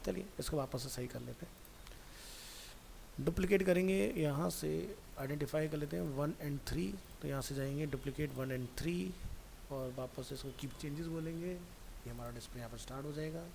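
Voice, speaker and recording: A man's voice: on the high side, moderate pace, creaky, noisy background. A man teaching a computer class in a casual, chatty way, talking straight to a student and drifting off into stories. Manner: chatty, digressive, addresses student directly.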